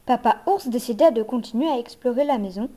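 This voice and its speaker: A woman reads a children's fairy tale aloud. Her voice is high but mellow. She tells it gently and at a measured pace. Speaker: narrator. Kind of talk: reading a children's story aloud.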